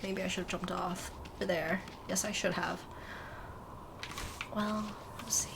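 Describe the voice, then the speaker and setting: A woman's voice: on the low side, fairly even intonation, slow, vocal fry, noisy background. A woman in her twenties chatting casually while gaming, self-mocking, swearing and laughing often. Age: 20s. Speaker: streamer.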